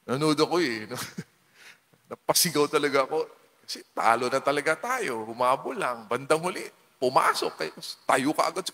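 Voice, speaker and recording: Filipino priest, male, lively swooping pitch, playful homily, long church echo. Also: unhurried, vocal fry, pauses often. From Philippines. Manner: animated, playful, acts out quotes. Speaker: parish priest. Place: large parish church. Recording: long reverb of a church hall.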